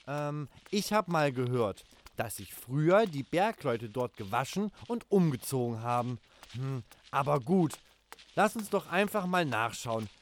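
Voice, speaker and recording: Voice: mid-range voice, big pitch swings, unhurried, slight background noise. A performer playing a young child, teasing yet caring and curious, in a children's audio drama. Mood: thoughtful.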